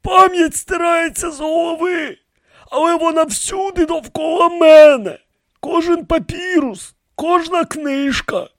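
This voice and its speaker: This is an ancient, frail high priest from an audiobook. He wails in a shrill, quavering voice pushed far above a man's range. He drags his words out slowly and half-shouts them, close and dry. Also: no echo, full character voice. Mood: weary. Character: ancient frail male high priest, seven thousand years old. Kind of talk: audiobook character voice.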